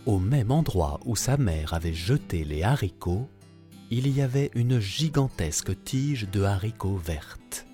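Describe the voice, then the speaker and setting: A man reading a children's fairy tale aloud, telling it in a slow, expressive way. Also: on the low side, faint music behind. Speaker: narrator.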